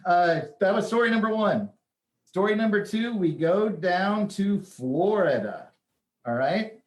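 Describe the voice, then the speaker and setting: A man hosting a casual chat, telling news stories in a relaxed, chatty way with plenty of fillers. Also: high voice, unhurried, echoey room. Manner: chatty storyteller with frequent fillers. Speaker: host.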